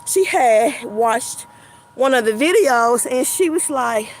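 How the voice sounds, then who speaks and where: Breathless lady vlogging on a winter walk, kinda high voice, drawn-out slow talk, faint traffic behind. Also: lively intonation, rough recording. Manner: slow, rambling, with many fillers. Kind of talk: casual talk while walking. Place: outdoors on a snowy winter path.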